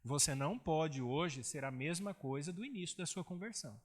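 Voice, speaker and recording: A male pastor with a slightly high-pitched voice delivers an expository sermon. He keeps a conversational tone and slips into the voices of imagined church members to make his points. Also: normal speed. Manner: conversational preaching, quotes imagined churchgoers in lowered voice.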